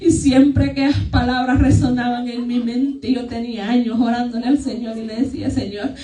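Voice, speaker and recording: A woman's voice: a little high, little pitch movement, moderate pace, warm tone. Emotional woman testifying in an echoey church. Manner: earnest, emotional, exhorting the congregation. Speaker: church member giving testimony. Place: church hall. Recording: echoey church hall, mic far off.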